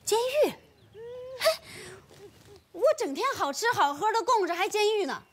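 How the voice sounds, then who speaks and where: An actress playing a sharp-tongued young village wife in a rural film drama. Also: female voice, extremely high pitch, animated, unhurried. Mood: defiant. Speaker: cold-noodle seller, wife.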